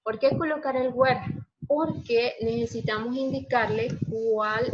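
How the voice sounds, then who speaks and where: A woman's voice: a little high, measured pace. A woman teaching a programming class, patiently asking her students questions as she explains. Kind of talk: online class lesson. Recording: dull lo-fi sound, faint noise.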